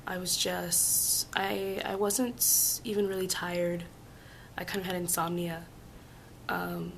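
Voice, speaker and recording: Sick woman w hoarse voice giving out, slow halting vlog talk, kinda low, rumbly noise behind her. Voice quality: hoarse voice giving out from laryngitis, breaking into whispers. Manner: halting, hesitant, with long pauses. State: sick with flu and laryngitis. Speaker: vlogger. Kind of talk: casual personal storytelling to camera.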